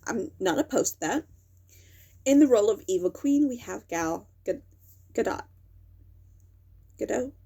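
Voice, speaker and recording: A woman's voice: mid-range voice, lively intonation, normal speed, long pauses, mellow. A young woman hosting a casual commentary video, rambling and correcting herself with lots of fillers as she talks. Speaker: video host. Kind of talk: casual talking-head commentary.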